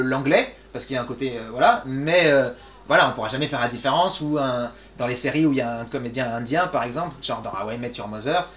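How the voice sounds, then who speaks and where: A man in his thirties, a voice actor answering audience questions in a relaxed, chatty way, laughing often and filling pauses with "euh". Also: mid-range voice. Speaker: voice actor guest. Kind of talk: casual Q&A talk. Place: small workshop room with audience.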